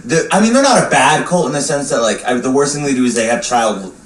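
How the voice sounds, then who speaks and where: A man rambling casually with many fillers on a relaxed chat podcast. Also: mid-range voice, fast. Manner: rambling, laid-back, frequent fillers. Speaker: podcast co-host. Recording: roomy, distant, faint room noise.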